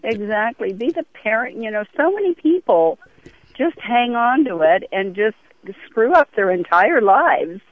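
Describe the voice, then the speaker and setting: A European woman in her sixties calls in to a radio show by telephone, speaking earnestly and conversationally. Her voice is fairly high and sing-song at a measured pace, with no room sound. The phone line is very tinny and band-limited.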